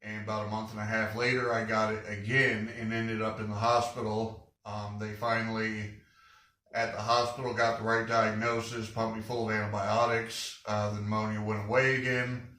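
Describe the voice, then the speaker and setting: A man hosting his garage channel, talking plainly and haltingly with fillers, audibly short of breath. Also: on the low side, level tone, bright, forceful tone, reverberant, recorded from a distance, low-quality recording. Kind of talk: casual vlog update. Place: home garage.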